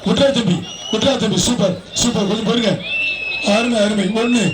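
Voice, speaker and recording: High-pitched man announcing through a megaphone. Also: steady tone. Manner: loud, rapid calls, repeating phrases. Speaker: event announcer. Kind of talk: live bull-taming commentary. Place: outdoor bull-taming arena with crowd. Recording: echoing loudspeaker outdoors, crowd noise.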